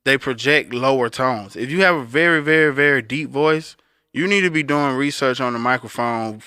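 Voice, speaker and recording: A deep-voiced male podcast co-host, also the recording engineer, sounds bright and crisp at a normal speed in a studio-quality recording with no echo. He explains things conversationally, talking straight to listeners in a casual instructional way.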